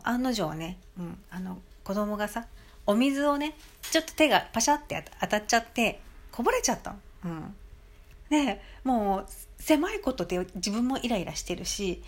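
A middle-aged woman, chatting alone on her podcast and telling a story with many fillers. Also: medium pitch. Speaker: podcast host. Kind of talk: casual solo talk.

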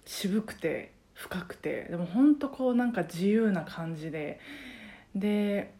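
A Japanese woman with a Kansai accent, a karaoke teacher, rambles casually and at length on her solo podcast, using many fillers. Her medium-pitched voice is warm and expressive, with a measured pace.

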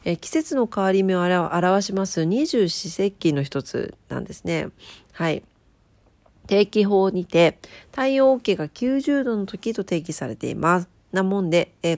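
Nasal, stuffed-up woman radio host, lowish voice. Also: a little mellow, dry recording. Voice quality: nasal, congested from a blocked nose. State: stuffed-up nose. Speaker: solo radio show host, DJ. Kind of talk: casual chatty radio monologue with polite greetings.

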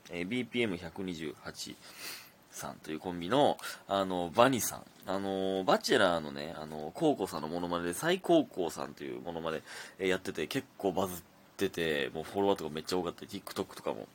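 A man's voice: deep voice, animated, fast, slight background noise. A young man with a Kansai accent hosting a casual solo podcast, chatting and reading listener messages aloud. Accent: Kansai Japanese. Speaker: podcast host.

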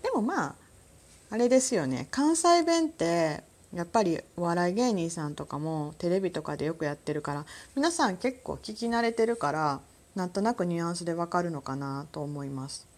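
A woman from Kansai with a Kansai accent, hosting a casual solo talk show, chatty and quick to laugh. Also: fairly low pitch. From Kansai, Japan. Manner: chatty, laughs often, lively sound words. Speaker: podcast host.

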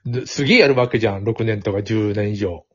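Hosting a casual podcast, a man with a lowish, husky, fairly bright voice rambles quickly and laughs a lot. His chatty speech mixes standard and Kansai Japanese, and the sound is dull and lo-fi.

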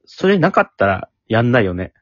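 A man co-hosting a casual talk show with friends, with a husky voice. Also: medium pitch, very animated, a little fast, no echo. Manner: stammering, repeating worried questions. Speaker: podcast co-host. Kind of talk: casual chat between friends. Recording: dull lo-fi dry home recording.

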